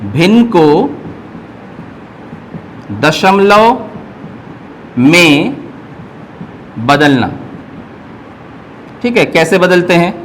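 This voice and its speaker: A man's voice: high-pitched, sing-song, extremely slow, long pauses, a little hiss or hum, low-quality recording. A man teaching an online math class. He explains patiently and keeps checking that his students follow. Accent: Hindi, North Indian.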